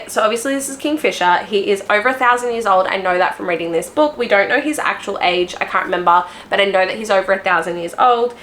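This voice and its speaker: A woman's voice: medium pitch, a bit bright, slight background noise. A woman book vlogger chatting casually to her viewers, gushing and rambling with frequent restarts.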